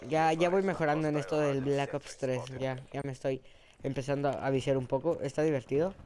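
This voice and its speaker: A man with a put-on Spain Spanish accent, giving excitable, self-mocking live commentary over his own gameplay. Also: mid-range voice, brisk, a crowd in the background. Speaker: gaming channel host.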